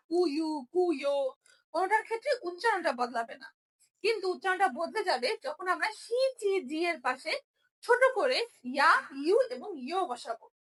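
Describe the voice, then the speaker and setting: A woman's voice: very high voice, fairly bright tone, low-quality recording. A woman teaching a Japanese class, patiently explaining step by step with example syllables. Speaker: Japanese language instructor. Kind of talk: spoken lesson explaining writing rules.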